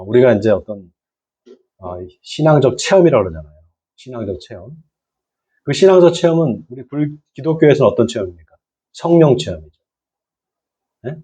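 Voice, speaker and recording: A man's voice: medium pitch, mellow, dull audio. A middle-aged man, a pastor, giving a church lecture to lay people, often questioning his listeners and repeating key words.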